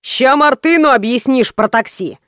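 A woman voicing a hulking young male thug who talks rough and blunt. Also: sits high, moderate pace, a bit bright, no room sound, studio quality. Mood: gruff.

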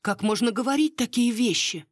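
A woman's voice: a little high, fairly quick, a little mellow, no echo, studio quality, voice pushed up, lightly acted. A woman reading the part of a proper unmarried lady at court who is earnest and easily shocked. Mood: indignant.

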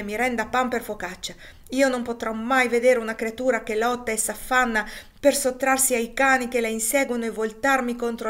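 A woman reading aloud who voices a rough but kindhearted farmer, speaking reassuringly. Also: fairly high pitch, a bit bright, natural voice. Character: gruff kindly farmer, middle-aged man.

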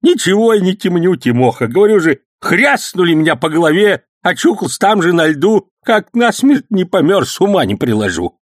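High, shrill old village uncle in an audiobook, excitable and quarrelsome, whining and indignant, pitch leaping all over, in a dry, close sound. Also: male voice, moderate pace, few pauses, dry recording.

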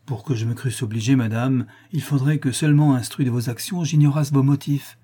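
A man voicing a stern older baron, a father speaking in a measured, cold way. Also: mid-range voice, fairly even intonation, warm tone, slightly rough, lightly acted.

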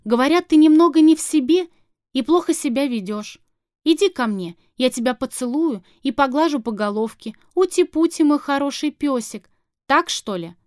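A fierce, sharp-tongued young woman, read by a woman narrator who snaps back with sarcasm and heat. The voice sits fairly high, and the recording is dry and close. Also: expressive, normal speed, no echo. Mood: mocking. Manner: sarcastic and heated, swearing. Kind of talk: audiobook character reading.

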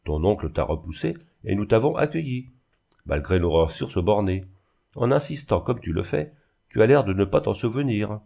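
A man's voice: on the low side, expressive, moderate pace, creaky, dark tone. A man voicing a proud older widow in a reading of a classic novel, speaking coldly and curtly, with emphasis. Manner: cold, curt, emphatic.

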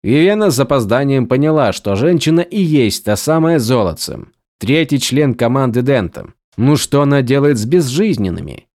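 Выразительный мужчина-чтец аудиокниги. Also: male voice, medium pitch, moderate pace, few pauses, no room sound, studio quality. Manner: expressive, dramatic reading. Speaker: audiobook narrator. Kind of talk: scripted fantasy narration.

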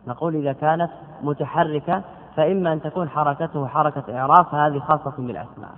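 Man, grammar teacher, fairly high voice, asks and answers his own questions, thin phone-like sound. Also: quick pace. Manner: explains step by step, repeats key words, asks and answers own questions. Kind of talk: classical grammar lesson. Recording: tinny lo-fi recording with long hall reverb.

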